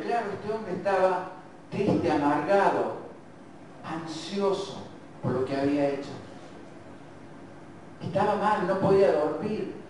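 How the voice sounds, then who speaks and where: A man with an Argentine Spanish accent preaches a sermon with Bible reading in a church hall, slow and reflective, musing aloud and correcting himself. His voice sits high and is a little mellow, recorded with a distant mic in a very echoey church with faint hiss.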